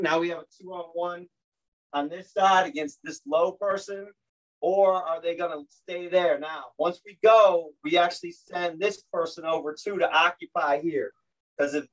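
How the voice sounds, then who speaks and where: A basketball coach with a New York accent explains zone offense on a video call. His voice sits a bit high for a man, and he talks in an animated way, restarting phrases and joking at his own expense. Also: low-quality recording. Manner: animated, repeats words, self-deprecating jokes.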